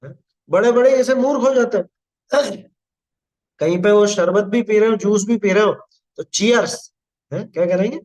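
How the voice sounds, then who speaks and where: A high-pitched man delivers a religious talk on scripture. He scolds gently, slows down over listed phrases, and keeps checking with rhetorical questions whether his listeners follow. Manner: admonishing, asks rhetorical questions. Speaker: Jain scripture teacher. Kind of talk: religious discourse.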